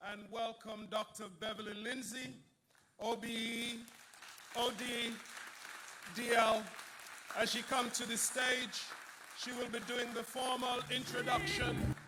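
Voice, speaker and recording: A man's voice: very high-pitched, monotone, a little slow, crowd noise, background noise. A man acting as master of ceremonies, formally announcing guests and their titles in a church hall.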